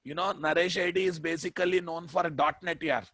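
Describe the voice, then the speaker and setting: Lecturing to a class on programming, a man with a Telugu Indian accent repeats phrases for emphasis and prods his listeners with rhetorical questions. He speaks a little fast with a fairly high, slightly bright voice and fairly even intonation.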